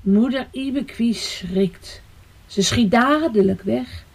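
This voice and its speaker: A woman reading a children's story aloud, expressive and sing-song. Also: fairly high pitch, husky. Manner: slow, lively and sing-song.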